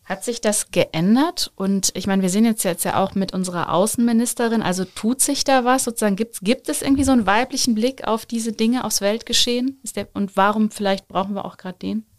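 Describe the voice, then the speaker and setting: A woman conducts an interview, framing long and searching questions. Her voice is of ordinary pitch, and between answers she offers only brief listening murmurs. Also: brisk, hardly any pauses.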